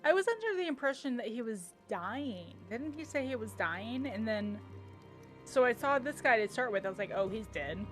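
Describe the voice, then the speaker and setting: A woman's voice: on the high side, very animated, moderate pace. A woman giving casual live gameplay commentary, musing aloud as she plays. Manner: musing aloud, reads dialogue choices aloud. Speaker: game streamer. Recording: faint game music behind.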